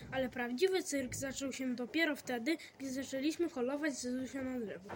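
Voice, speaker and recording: A woman reads a children's storybook aloud in a high, lively voice. She reads expressively and stumbles now and then. A faint hum sits in the background. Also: brisk. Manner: lively expressive reading with small slips. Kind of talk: storybook reading.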